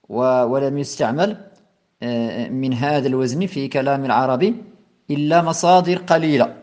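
Patient man teaching classical Arabic grammar. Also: medium pitch. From Morocco. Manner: recites the verse loudly, then explains it slowly and patiently. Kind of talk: lecture explaining a classical poem.

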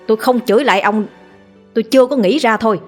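A woman's voice: on the high side, quick pace, soft background music, lightly acted. A woman voicing a bumbling, cranky old man who squawks indignantly.

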